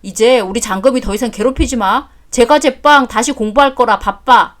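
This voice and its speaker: A woman's voice: a little high, moderate pace, lightly acted. Woman voicing a fed-up adult son, curt, exasperated, story drama. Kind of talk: story drama read aloud.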